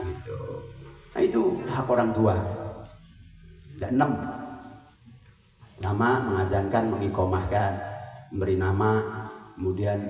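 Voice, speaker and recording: A man preaching a humorous sermon, joking like a lively storyteller. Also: mid-range voice. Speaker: Islamic preacher. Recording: echoey hall from far off, faint music.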